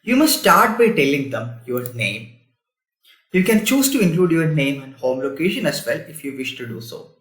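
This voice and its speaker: Man explaining interview tips, slightly high voice. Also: sing-song, normal speed, fairly bright tone, roomy sound. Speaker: career advice presenter. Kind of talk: scripted instructional narration.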